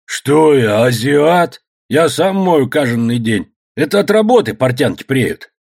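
A man's voice: mid-range voice, very animated, a little slow, vocal fry, a little mellow, full character voice. A man voicing a strong, proud worker who answers indignantly in an audiobook. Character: strong, proud gold-field worker, grumbling. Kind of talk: audiobook character voice.

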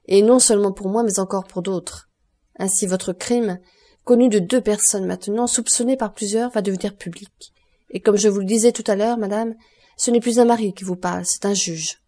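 A woman reading the part of a cold, stern male magistrate who accuses with measured contempt in an audiobook. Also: medium pitch, fairly even intonation, warm tone, close to an everyday voice. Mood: cold, accusing.

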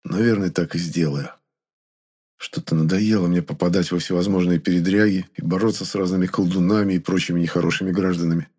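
A man's voice: low-pitched, steady tone, fast, dark tone, breathy edge. A man narrating a novel in the first person, with a wry, conversational telling. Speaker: audiobook narrator.

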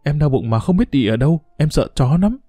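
Man doing a scared little village kid begging for help, soft mellow voice. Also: a little high, big pitch swings, brisk, dry recording. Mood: pleading. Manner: pleading. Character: frightened young village boy.

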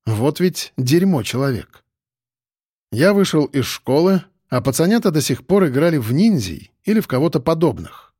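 A man narrating a story in the first person, at a steady, measured pace. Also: fairly high pitch, dry recording, clean studio sound. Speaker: audiobook narrator.

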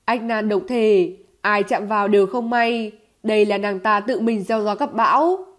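A woman reading the part of a young cursed poison maiden in a storybook novel, cold and sharp in a loud voice. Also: mid-range voice, moderate pace, close to an everyday voice.

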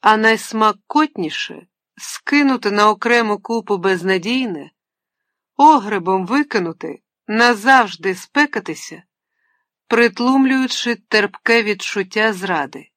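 Woman, audiobook narrator, expressive reading, mid-pitched voice, dry close sound. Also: unhurried, dry recording. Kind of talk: scripted narration.

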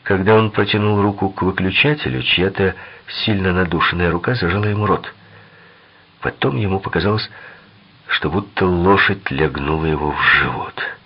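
A man narrating a crime novel audiobook in an expressive, dramatic reading. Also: deep voice, normal speed, breathy edge, lo-fi sound.

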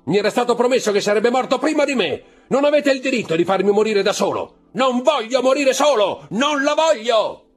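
Audiobook figure: panicked prisoner facing execution, high and shouting; man reading performs it. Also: lively intonation, a little fast, hardly any pauses, faint music behind. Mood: desperate. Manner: shouting, pleading, frantic. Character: condemned young man, terrified, desperate.

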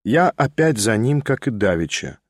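A man's voice: mid-range voice, big pitch swings, moderate pace, no room sound. Man narrating a classic novel, dry sound. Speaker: audiobook narrator. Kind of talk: scripted literary narration.

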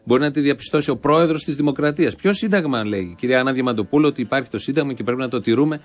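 A man hosting a satirical show, giving fiery, sarcastic political commentary and rallying his listeners. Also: medium pitch.

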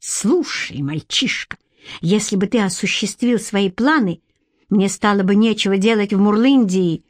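A woman voicing a calm, secretive adult man in an audiobook. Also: mid-range voice, measured pace, no room sound, studio quality, close to an everyday voice. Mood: angry. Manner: calm, level.

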